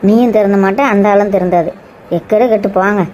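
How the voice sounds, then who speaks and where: A woman voicing a bossy, fast-talking village neighbour. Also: medium pitch, steady tone, warm tone, a little hiss or hum, lightly acted. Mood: scolding. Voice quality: scolding, brisk and commanding. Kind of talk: cartoon drama voice acting.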